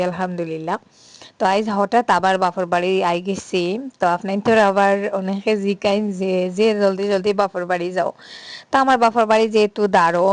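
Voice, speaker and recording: A woman's voice: medium pitch, no echo. Middle-aged woman vlogger, Sylheti accent, chatty and easygoing, dry close sound. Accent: Sylheti Bengali. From Sylhet, Bangladesh. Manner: chatty, unhurried, frequent "ah" fillers. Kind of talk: casual vlog narration.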